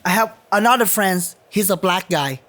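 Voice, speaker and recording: His high voice is expressive and fairly bright, moving at a moderate pace. He is a Vietnamese guest musician on a podcast, speaking accented English as his second language in a recording studio. Throughout the casual interview he stays earnest and emphatic, repeating phrases to press his points.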